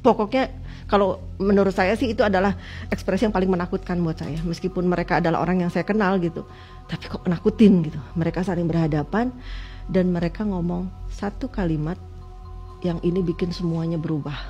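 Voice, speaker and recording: A woman from West Java, a guest telling her own experience in an emotional storytelling way. She swings between loud cries and hushed, lowered passages. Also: fairly quick, soft background music.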